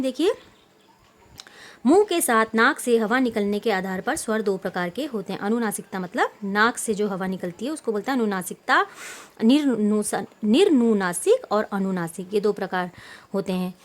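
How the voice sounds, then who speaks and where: A woman teacher explaining grammar patiently to pupils, repeating points and answering her own questions, with English words mixed in. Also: a little high. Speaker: school Hindi teacher. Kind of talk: online class lesson.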